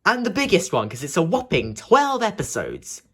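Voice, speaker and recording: A man's voice: high-pitched, huge pitch swings, normal speed, fairly bright tone, slightly rough. A young man with the hiccups, rambling through casual vlog commentary with many restarts and fillers. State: has the hiccups. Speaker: video creator.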